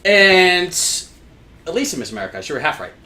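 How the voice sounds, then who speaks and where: High, bright, sarcastic ranting man. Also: sing-song, moderate pace. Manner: sarcastic, ranting, drags out words for emphasis. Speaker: movie review show co-host. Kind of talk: casual chat.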